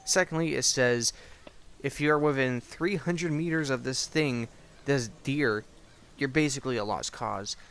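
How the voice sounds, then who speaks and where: A young man, a host and video reviewer, gives a casual, sarcastic recap in an offhand, sweary way. His mid-range voice is unhurried and a bit bright, and the home recording is clearly noisy.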